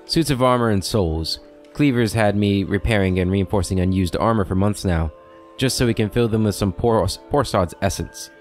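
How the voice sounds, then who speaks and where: A man's voice: lowish voice, normal speed, a little mellow, faint music behind, natural voice. A man reading a disapproving male blacksmith's game dialogue aloud, plainly and with stumbles. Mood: grumbling.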